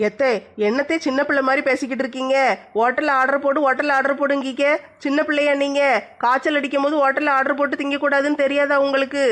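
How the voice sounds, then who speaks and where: Woman playing a quick, high, flat-toned daughter-in-law, scolding, heard from off-mic. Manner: scolding, exasperated. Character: sharp-tongued young daughter-in-law, scolding.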